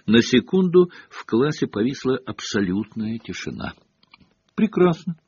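A man narrating an audiobook with expressive storytelling. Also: fairly low pitch, unhurried, breathy edge, dry recording. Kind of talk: audiobook reading. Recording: dull lo-fi cassette audio.

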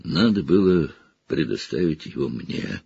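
A man doing a hoarse haggard fugitive. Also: a bass voice, big pitch swings, a little slow, mellow, pitched below the performer's own voice, exaggerated voice. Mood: grim. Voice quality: hoarse, rasping. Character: haggard, hoarse male escaped prisoner. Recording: dull lo-fi recording.

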